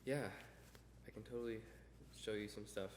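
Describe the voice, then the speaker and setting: Recorded on one table mic shared around a table in a roomy indoor space, a young podcast co-host talks casually and unscripted, rambling and self-deprecating. His voice is on the low side and a little mellow, with fairly even intonation at a moderate pace, and there's slight background noise.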